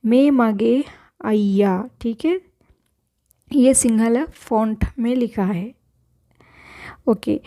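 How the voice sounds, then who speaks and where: A woman's voice: on the high side, mellow. A woman teaching a spoken language lesson, patiently repeating each word and correcting pronunciation.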